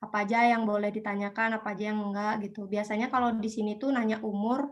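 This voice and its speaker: A woman's voice: medium pitch, flat delivery, racing. A young woman from Indonesia chatting as an interview guest, hesitant with many fillers. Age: young adult. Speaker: guest, student abroad. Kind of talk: casual online interview.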